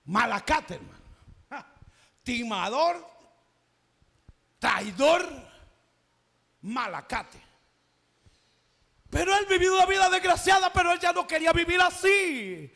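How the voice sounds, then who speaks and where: A preacher's voice, very high and swinging wildly in pitch, with a husky, gravelly grain. He preaches with passion, often breaking into shouts. A long church reverb hangs on every line. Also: expressive, slow pace, pauses often. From El Salvador. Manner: impassioned, often shouting, storytelling. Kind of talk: evangelical sermon.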